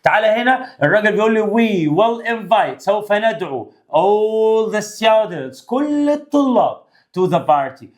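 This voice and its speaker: A man's voice: high-pitched, animated, measured pace. A man teaching an English grammar revision lesson in Egyptian Arabic, playful and talking straight to his students. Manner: playful, talks to students directly.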